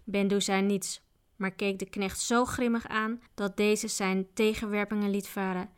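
A woman narrates a children's adventure story in a steady, even storytelling voice. Her tone is smooth and clean, at a middle pitch. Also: a little slow. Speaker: audiobook narrator. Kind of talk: scripted narration.

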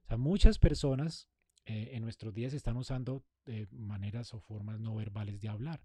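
A man's voice: on the low side, moderate pace, dark tone, slightly rough, dry recording. A man giving a conversational sermon, acting out sample replies to a spouse. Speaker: preacher. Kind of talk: sermon on marriage communication.

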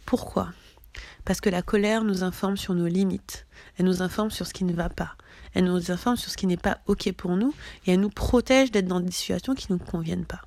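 A woman's voice: lowish voice, brisk, vocal fry, a little mellow, no echo. A woman coach giving a casual, blunt motivational talk, emphatic and swearing freely. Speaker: coach leading a group challenge.

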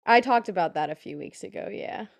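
A young woman chats casually as a podcast co-host, blunt and laid-back with plenty of swearing. Her mid-pitched voice has very little room echo. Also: expressive, a little fast, gravelly.

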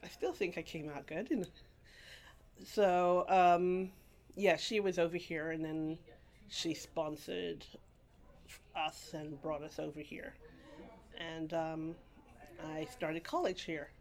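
A woman's voice: deep voice, fairly even intonation, takes it slowly, long pauses, a little mellow. A middle-aged woman from England, raised partly in Guyana, telling her life story in a rambling oral history interview at a library, with many restarts and laughs. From England, grew up partly in Guyana.

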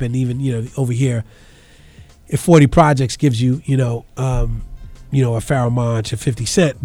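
A man's voice: mid-range voice, darkish tone, no room sound. Male, middle-aged, New York accent. Informal, emphatic commentator with a mid-range voice and very little room sound. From the Bronx, New York. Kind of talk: informal political and cultural commentary.

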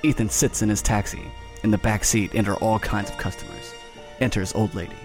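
Deep-voiced man reading stage directions. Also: fairly even intonation, a little fast, over music. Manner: breezy, often breaks into laughter. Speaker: script reader.

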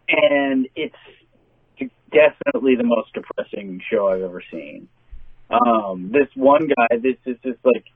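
A man's voice: medium pitch, a little hiss or hum. A man calling in as a podcast guest, chatting casually in a hesitant, dry way with many fillers. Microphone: phone call. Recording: tinny phone line, dry.

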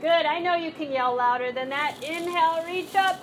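A woman's voice: very high-pitched, moderate pace, heavy background noise. A woman leading a live chair yoga class, cueing breaths and moves in a playful, encouraging way. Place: class room with group.

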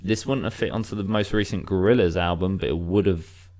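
A man's voice: deep voice, a little fast, a little mellow. A man hosting a casual music review chat, rambling with frequent restarts. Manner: rambling, restarts, many "you know".

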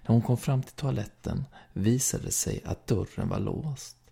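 A man reads ghost stories aloud in a slow, even storytelling manner. His voice is dark and mellow, with a husky, breathy edge. A heavy gravelly fry runs through his low delivery.

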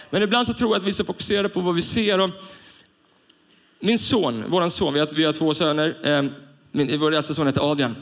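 A man in his thirties gives a sermon. He tells homely anecdotes in an easy, conversational tone, then lifts his somewhat high voice into forceful, repeated declarations. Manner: conversational storytelling, swelling to emphatic preaching. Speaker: pastor.

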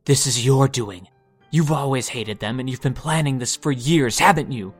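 A man's voice: mid-range voice, moderate pace, a bit bright, husky, soft background music. A man reading a story, voicing a young mage whose voice grows grating and accusing. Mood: furious. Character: young man, a frightened mage turning furious.

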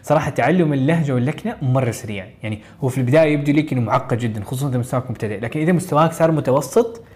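A man's voice: medium pitch, a little mellow. A man hosting a live audio question-and-answer session, giving casual advice in a chatty, encouraging way. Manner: rapid, chatty, with frequent restarts and encouraging asides. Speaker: host of a live audio Q&A for exam learners.

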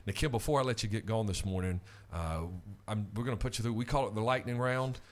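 A man hosts a weekly faith radio program, upbeat and conversational. He interviews a guest and makes a ministry appeal, often pausing on fillers and restarting his sentences. His voice sits a little low for a man. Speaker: radio show host.

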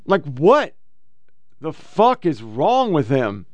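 A man's voice: on the high side, wildly swooping pitch, slow, darkish tone, dry recording. An American man hosting casual political commentary, blunt and full of swearing. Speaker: host.

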